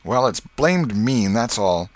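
A man's voice: medium pitch, big pitch swings, measured pace, a bit bright, no echo, voice pushed up. A man reading aloud and voicing a stubborn boy who plays a rival knight, defiant and indignant. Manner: defiant, indignant, mock-old-fashioned talk.

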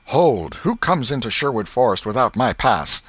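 A man reading aloud and voicing a bossy, excitable boy who plays at being an outlaw, with loud boyish calls. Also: on the low side, a little slow, dry recording, voice pushed up.

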